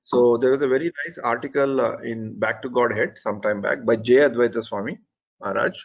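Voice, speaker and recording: A man's voice: medium pitch, fairly quick, creaky, lo-fi sound. A man giving earnest, methodical spoken feedback on an online presentation, often restarting his sentences. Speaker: presentation evaluator.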